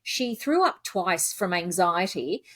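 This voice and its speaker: A woman hosting a casual interview, chatty and laughing often, lively when she quotes herself. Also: on the low side, slow, no echo. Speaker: podcast host.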